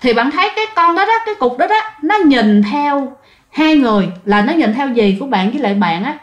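A woman's voice: high-pitched, lively intonation, a little fast, muffled recording, faint music behind. A woman telling a ghost story, chatting directly to her listeners. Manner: conversational, addresses listeners directly. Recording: roomy echoey recording.

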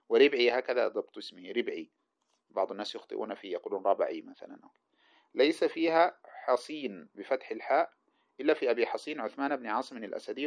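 A man's voice: mid-range voice, creaky. A man teaching hadith sciences in a lecture, reading passages aloud and spelling out the letters and vowels of names as he explains them. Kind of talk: lecture commenting on a classical text. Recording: dull lo-fi recording.

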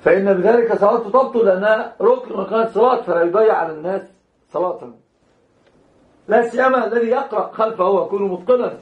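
A man lectures on Islamic law to a class, talking fast in a high voice, repeating and restarting words. He speaks directly to his students and chuckles now and then, captured in a roomy, dull lo-fi recording.

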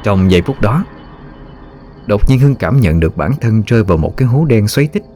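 A man narrating a ghost story in a steady, measured way. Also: on the low side, soft background music.

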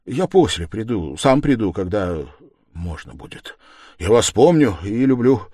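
A man voicing a troubled, brooding young man who speaks in a halting, strained and insistent way. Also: on the low side, big pitch swings, mellow, no echo, clean studio sound, voice pushed up.

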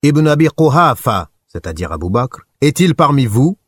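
A man's voice: fairly low pitch, very animated, moderate pace, breathy edge, no echo. A man voicing a defiant enemy chief who calls out taunts from a mountaintop, his voice raised. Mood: taunting. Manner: calling out loudly, taunting.

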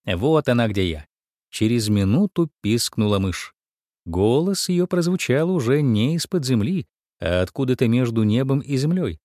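A man narrating a children's storybook in an expressive, sing-song way. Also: medium pitch, normal speed, no echo, studio quality. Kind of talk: storybook reading.

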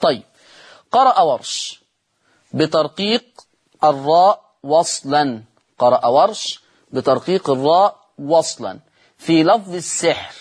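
A man with an Egyptian accent teaching Quran recitation in a televised lesson, drawing out words slowly to show how they sound and asking the viewers rhetorical questions. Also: a little high, expressive, husky. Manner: draws out words slowly to demonstrate pronunciation.

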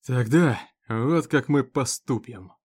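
Storybook sheriff, a man doing the voice: stern, commanding, loud edge. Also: a little high, sing-song, normal speed. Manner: commanding, growling. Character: stern, hot-tempered male small-town sheriff.

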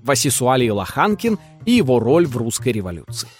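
A man narrating a literary novel as an audiobook, in a lively, ironic storytelling manner. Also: medium pitch, fairly quick, soft background music.

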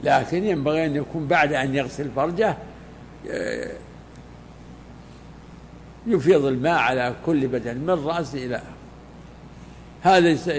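An older man, a sheikh, explaining a classical text to students in unhurried, halting commentary. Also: a little high, a little mellow. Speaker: sheikh teaching a hadith text. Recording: hall reverb, faint background noise.

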